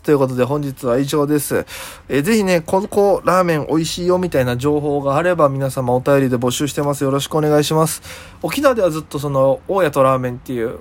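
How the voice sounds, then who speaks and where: A young male comedian talking on his own to his listeners in a loose, rambling, self-amused way. His voice sits a little high, and his words come out fast. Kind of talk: casual solo podcast monologue.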